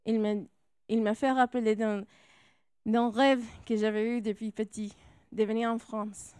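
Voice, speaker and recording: Soft-spoken American woman giving testimony. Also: on the high side, little pitch movement, measured pace, smooth, dry recording, studio quality. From California, United States. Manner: soft-spoken, searching for words. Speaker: missionary. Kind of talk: personal testimony. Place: church.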